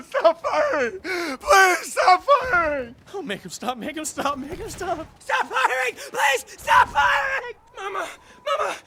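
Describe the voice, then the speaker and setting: Screaming, terrified young soldier. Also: male voice, very high-pitched, bright, forceful tone, a little hiss or hum, full character voice. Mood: panicked. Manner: panicked, pleading screams. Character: terrified young soldier breaking down under fire. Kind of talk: video game voice acting.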